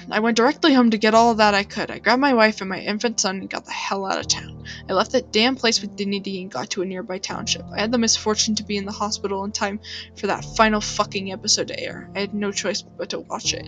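A woman reads as a broken man in middle age, bitter and worn down by grief, who sounds weary and apologetic at every turn. His voice stays at an ordinary middle pitch, told as a spoken story with faint music underneath. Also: steady tone, a little fast, fairly bright tone, close to an everyday voice. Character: grieving middle-aged man, bitter and haunted. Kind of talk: storytelling reading.

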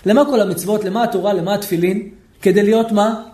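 A man, a rabbi, teaching a lively Torah lesson, questioning his listeners and acting out shouting people. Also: high voice, roomy sound. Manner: animated, asks the audience questions, acts out shouting people.

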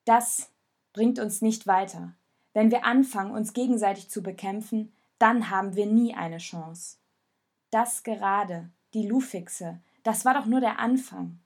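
Give me a woman reading as a determined young girl, urgent and firm, in an audiobook, breathy. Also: on the high side, unhurried, a little mellow. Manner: urgent, pleading then firm. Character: girl named Rosa, young, determined peacemaker.

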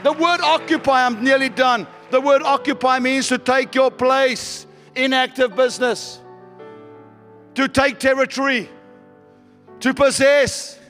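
A man with a South African accent preaching a sermon as a pastor, in a booming, motivational, emphatic and repetitive manner. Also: fairly even intonation, measured pace, a bit bright, soft background music.

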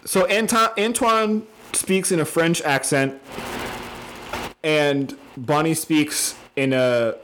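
A man in casual chat, rambling with lots of fillers and getting excited as he explains. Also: a little high, slow pace, a little hiss or hum.

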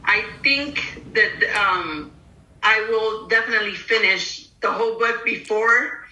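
A woman's voice: on the high side, measured pace, bright, forceful tone, muffled recording, slight background noise. A woman in a book club group on a video call, sharing personally in an emotional, earnest way. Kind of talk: casual group discussion. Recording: echoey, distant video call.

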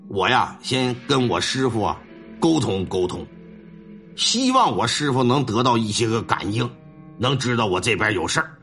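A man voicing an aging male exorcist master who speaks slowly and heavily, with a sigh in his words. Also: mid-range voice, sing-song, a bit bright, faint music behind, voice pushed down. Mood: weary. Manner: slow, heavy, sighing.

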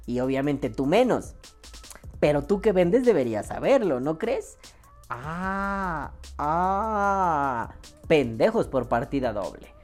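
Mexican woman ranting on her vape vlog, swears a lot, low voice jumping all over. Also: normal speed, faint music behind. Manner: animated, swears freely, acts out quoted voices. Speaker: vaping vlogger. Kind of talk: casual profane rant.

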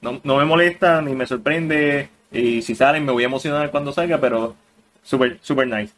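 A man's voice: medium pitch, moderate pace, a bit bright, a little hiss or hum. A man co-hosting a casual podcast chat, opinionated and mixing English words into his talk. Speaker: podcast co-host.

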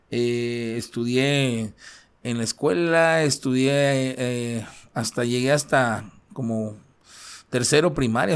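A man with a Central American Spanish accent tells his own story as an interview guest. He speaks in a halting way, leaning on fillers and repeated tag questions at a medium pitch. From Guatemala, raised in El Salvador. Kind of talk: personal testimony in an interview.

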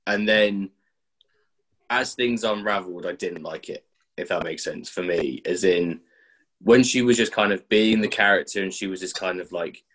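A man's voice: low-pitched, normal speed, a bit bright. A man in a casual film review chat, thinking aloud with frequent restarts.

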